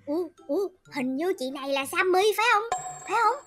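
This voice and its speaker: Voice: extremely high pitch, animated, fast, over loud music. A performer voicing a mischievous little girl cousin from the countryside, chirpy and sweet-talking.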